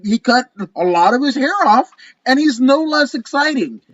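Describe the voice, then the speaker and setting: A man co-hosting a casual podcast chat, animated and profane, rambling through his rants. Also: very high voice, moderate pace, dull audio. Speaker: co-host.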